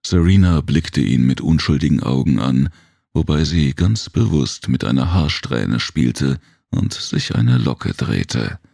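A man narrating an audiobook story in a calm, measured way. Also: rumbling low, creaky, slightly rough, dry recording, studio quality.

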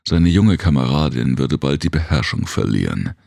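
A man reading a science fiction audiobook in measured scripted narration. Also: very deep voice, big pitch swings, gravelly, a little mellow, no echo, studio quality. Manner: measured storytelling.

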